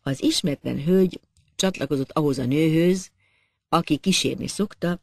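A man narrating a classic novel as an audiobook, in a measured literary reading that acts out the characters. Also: on the high side, creaky, a little mellow, no echo, clean studio sound.

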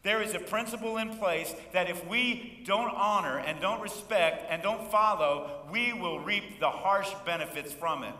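A man's voice: sits high, unhurried, few pauses, bright, forceful tone. A man in his fifties preaching a sermon as pastor, folksy and joking, calling for responses from the congregation. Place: church sanctuary. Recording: echoey church hall from far off.

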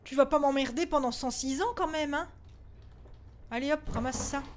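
High-voiced jittery woman streaming horror. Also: moderate pace, a little hiss or hum. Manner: jittery, swears often, scolds the game's ghosts. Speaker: gaming streamer. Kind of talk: live horror gameplay commentary.

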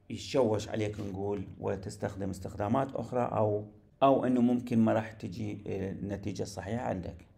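A man's voice: medium pitch, gravelly, warm tone, echoey room. A man with an Iraqi Arabic accent giving a recorded online English grammar lecture, explaining patiently with everyday comparisons and checking that students follow. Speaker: English teacher.

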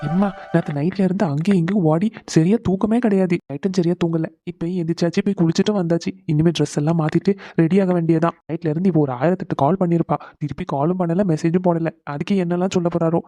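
A woman's voice: lowish voice, fairly even intonation, dark tone, no room sound, faint music behind, lightly acted. A woman voicing a tired young groom in a cartoon, pleading with his bride. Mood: weary. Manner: quick, weary and coaxing. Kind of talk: cartoon voice acting.

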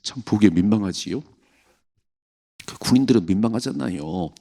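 A male pastor preaching an emotional dawn prayer sermon, swinging between loud and hushed and acting out the voices in the story. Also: lowish voice, animated, normal speed, creaky. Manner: acts out voices of parents, David and the devil in quoted lines.

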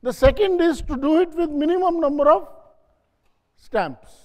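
A man lectures in a strikingly high voice and keeps quizzing the class. He repeats his key phrases for emphasis. His words ring with the long reverb of a lecture hall. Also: normal speed.

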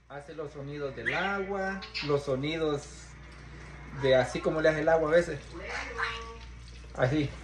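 A woman's voice: low-pitched, reverberant, very noisy. A woman coaxing her pet parrot in sing-song baby talk, at home in her kitchen. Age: adult.

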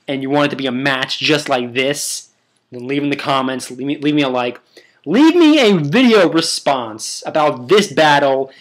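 A man's voice: medium pitch, a bit bright. A young man hosting a casual video, talking in a crude, rambling, joking way. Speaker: video host. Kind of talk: casual vlog commentary.

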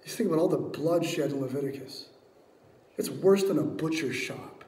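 Male pastor, sermon delivery, emphatic with loud peaks, recorded from a distance in a roomy space. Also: normal speed. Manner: emphatic, rising to loud peaks then dropping low.

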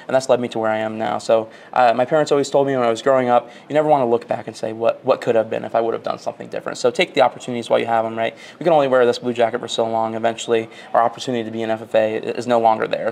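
Young guest from Florida, quick earnest answers, lapel mic in a big hotel hall. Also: male voice, medium pitch, creaky, a little mellow. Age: young adult. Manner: friendly, earnest, many uh fillers. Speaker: interview guest, national student officer. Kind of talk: casual interview answers. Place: large hotel convention hall.

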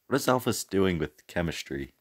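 Low-pitched young man, casual reaction commentary, chatty, self-mocking, home mic. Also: sing-song, moderate pace. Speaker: reaction video host.

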